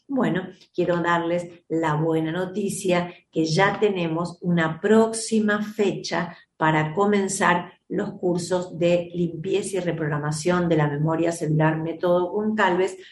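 A woman's voice: low voice, a little mellow, echoey room. A woman with an Argentine accent hosting an advice program, explaining things in a reflective, teacherly way and often checking in with her listeners. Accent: Argentine Spanish. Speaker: host and teacher of a self-help method.

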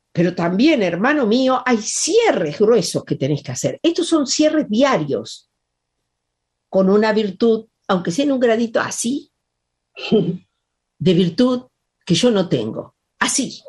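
Husky, animated woman teaching. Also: fairly high pitch. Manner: emphatic, dwells on words and repeats them. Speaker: spiritual teacher. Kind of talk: spiritual talk.

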